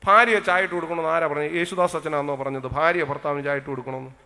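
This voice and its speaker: A male pastor preaching a sermon to a congregation, with a Kerala Malayalam accent, swinging between loud exclamations and soft asides. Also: on the high side, fairly even intonation, very fast. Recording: long hall reverb.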